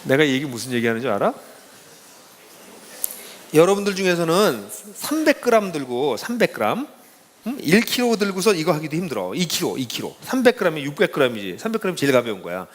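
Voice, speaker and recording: A middle-aged pastor giving a casual talk to students, telling stories in an animated, informal way. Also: male voice, fairly high pitch, brisk, long reverb tail. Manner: lively storytelling, casual speech to young listeners.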